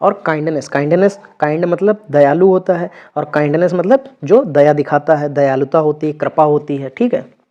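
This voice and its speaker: A man's voice: a little high, normal speed, warm tone. Man teaching vocabulary, lo-fi recording. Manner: repeats words with frequent check-ins. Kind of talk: exam vocabulary lesson.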